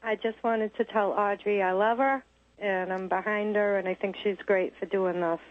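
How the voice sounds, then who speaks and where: A woman's voice: mid-range voice, fairly even intonation, moderate pace. A woman calling in to a talk show, chatty and supportive, heard over a clipped phone line. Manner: warm, chatty and supportive, laughs easily. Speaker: caller. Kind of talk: casual call-in chat.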